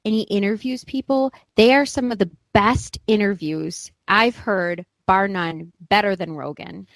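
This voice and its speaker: A woman's voice: medium pitch, unhurried, gravelly, no echo. A woman co-hosting a casual podcast discussion, emphatic and opinionated. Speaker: podcast co-host.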